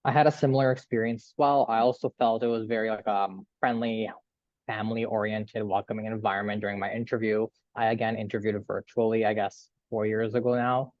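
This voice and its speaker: Low-voiced young man on a dull call. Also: steady tone, fairly quick, no echo. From Canada. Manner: casual, with many "like" fillers. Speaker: optometry student panelist.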